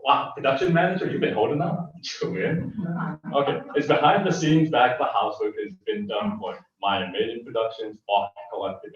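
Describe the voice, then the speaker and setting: A man acting as guest host, introducing a poet on stage in a halting way, with many restarts. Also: fairly low pitch, heavy reverb, far from the mic, muffled recording. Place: live poetry event venue.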